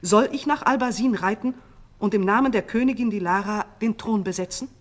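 A woman voicing a cautious male vizier to a king, speaking in a careful, deliberate manner in a storybook reading. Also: mid-range voice, voice pushed up, close to an everyday voice. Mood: dutiful.

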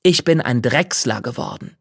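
A man's voice: medium pitch, expressive, moderate pace, creaky, husky, no room sound, clean studio sound, exaggerated voice. A man voicing a proud, bold young male turner journeyman in a fairy tale. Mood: eager. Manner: bright, eager and boastful.

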